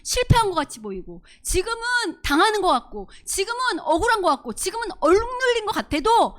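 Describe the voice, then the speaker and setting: A woman pastor preaching a sermon with a high voice that rises and falls widely. She speaks earnestly and keeps asking the congregation questions. She is heard from a church service. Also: very animated, fairly quick, a bit bright. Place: church service, streamed online.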